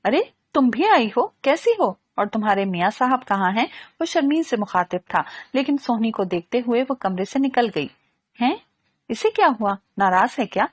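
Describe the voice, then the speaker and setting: A woman's voice: on the high side, animated, normal speed, husky, no echo. A woman narrating an audio novel and reading all the dialogue in her own voice.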